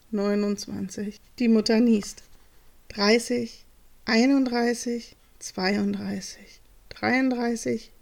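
Calm woman reading a bedtime story. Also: fairly high pitch, gravelly. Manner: calm, measured, softening toward a hush.

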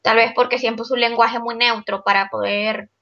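A young woman from Venezuela, a guest illustrator in a casual interview, chatty and quick-talking. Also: a little high, flat delivery, sharp tone, highs cut off.

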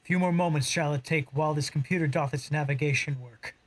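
An actor playing a cocky, roguish young smuggler captain, delivering boastful Shakespearean verse. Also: male voice, a little high, a little fast, lightly acted. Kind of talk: audio drama acting in verse.

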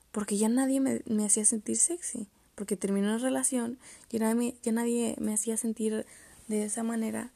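A woman's voice: a little high, gravelly, mellow, no echo. A young woman hosting a casual solo podcast, rambling and interrupting herself, often trailing off into muttered whispers as she talks about poetry. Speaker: podcast host.

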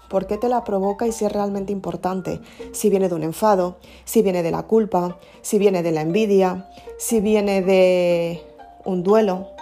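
A woman with a mellow, warm voice hosts a self-help podcast. She talks calmly and with encouragement, straight to her listener. Soft music plays faintly underneath. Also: mid-range voice. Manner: calm, encouraging, speaks directly to the listener. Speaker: podcast host.

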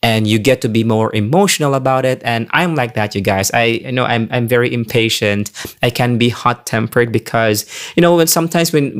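A young man, a faith community leader giving a candid, confessional reflection and a prayer, with many restarts. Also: mid-range voice.

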